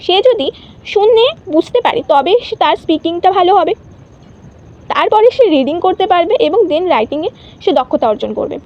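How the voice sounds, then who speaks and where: A woman teacher giving an exam-prep lesson, reading each English point out slowly before she explains it. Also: extremely high pitch, expressive, darkish tone, lo-fi sound.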